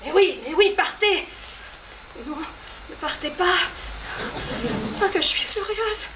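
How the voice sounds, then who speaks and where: A woman acting as a furious, proud widow on stage, snapping sharp retorts in an echoey room. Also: extremely high pitch, slow pace, crowd noise. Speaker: stage actress. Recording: echoey stage recording, faint noise.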